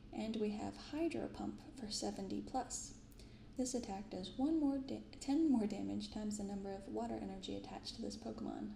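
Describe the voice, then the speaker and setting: A female host of a card-opening ASMR channel talks gently and casually with a gravelly vocal fry in a mid-range voice, keeping her soft delivery unhurried. The binaural recording sounds roomy, with audible background noise.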